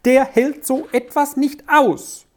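A woman reading aloud voices an older housekeeper who pleads indignantly and without pause for the child in her care. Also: high-pitched, fairly even intonation, a little mellow, pitched above the performer's own voice. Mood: indignant pleading. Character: older female housekeeper, fussing and tearful.

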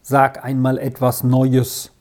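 A woman's voice: rumbling low, monotone, slow pace, a little mellow, voice pushed down. A woman doing a dry, curt old farmer. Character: dry, gruff older farmer husband.

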